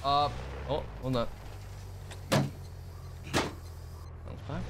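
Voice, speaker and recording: A man streaming a shooter game, commenting loudly and teasing the strangers he meets. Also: mid-range voice, extremely slow, background noise. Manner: loud, playful, teasing. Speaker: gaming streamer. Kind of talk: excited gameplay commentary and trolling.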